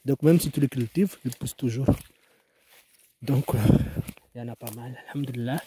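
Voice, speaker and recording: This farmer from Mayotte, speaking with a Mahoran French accent, talks casually outside about his crops, hesitating, rambling and restarting frequently. His mid-range voice is mellow and moderately paced. The farm vlog audio carries a little hiss or hum.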